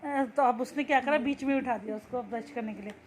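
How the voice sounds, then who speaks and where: High-voiced woman explaining a story. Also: brisk, slight background noise. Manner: reads a line, then restates it in simple words. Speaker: teacher. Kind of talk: reading a textbook story aloud and explaining it.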